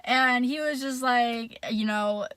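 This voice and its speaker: Bright-voiced young woman telling a story. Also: a little high, slow pace. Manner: chatty, filler-heavy, swears freely, addresses viewers directly. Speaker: vlogger. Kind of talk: casual storytime chat.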